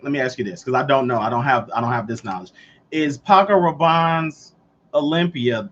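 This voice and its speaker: Heard over dull, lo-fi stream audio, a man in his late thirties keeps a casual live chat going and fields viewer comments as they come. He speaks with a fairly high pitch and a fairly bright tone.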